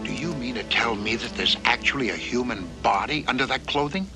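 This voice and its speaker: A man's voice: medium pitch, fairly quick, over music, close to an everyday voice. An actor playing an uneasy, folksy crewman in a storybook dramatization.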